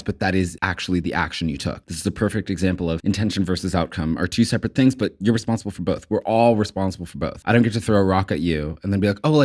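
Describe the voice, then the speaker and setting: A young man hosting a podcast on his own, talking quickly and casually, full of "like" fillers. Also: sits low, darkish tone. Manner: fast and chatty, full of "like" fillers. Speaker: podcast host. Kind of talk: casual solo podcast monologue.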